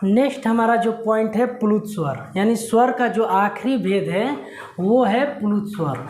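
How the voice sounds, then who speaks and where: A male Hindi teacher giving a classroom lesson at a board. He dictates slowly word by word, repeats points and keeps checking that students follow. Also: high voice, a little mellow, roomy sound. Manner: checks understanding with frequent questions.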